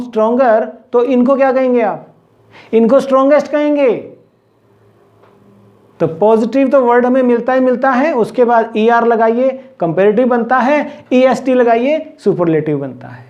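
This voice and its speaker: Slow, lo-fi grammar teacher. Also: male voice, very high-pitched, darkish tone. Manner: mixes Hindi explanation with English examples, drills word lists aloud; asks the class questions and answers them himself. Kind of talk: classroom-style lesson.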